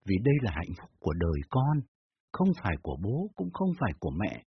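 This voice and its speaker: A man voicing a calm, even-tempered older father in an audiobook, speaking in a measured way. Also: deep voice, creaky, slightly rough, heavily acted. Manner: measured, reasoning. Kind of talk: dramatized audiobook reading. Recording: dull lo-fi with faint music.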